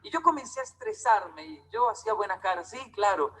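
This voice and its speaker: A man's voice: sits high, big pitch swings, a little fast, bright, forceful tone, breathy edge, poor audio. A man from Colombia, giving a storytelling talk to a live audience and acting out quoted dialogue in different voices. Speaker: public speaker.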